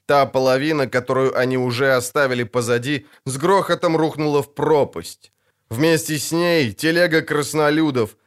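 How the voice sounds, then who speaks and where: A man narrating a dramatic fantasy audiobook in a steady, vivid storytelling voice. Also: medium pitch, smooth.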